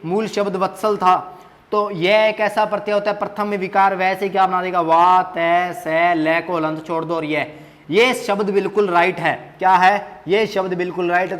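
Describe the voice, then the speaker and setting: A man's voice: high voice, fairly bright tone. A man teaching Hindi grammar at a board, asking questions and answering them himself, repeating key words with emphasis, in an echoey classroom.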